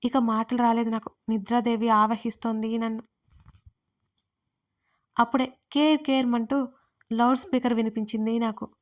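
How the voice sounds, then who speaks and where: Woman narrating an emotional story in a flat, steady voice. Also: on the high side, moderate pace, pauses often. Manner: emotional storytelling, voicing all characters herself. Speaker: writer and narrator. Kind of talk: first-person audio story narration.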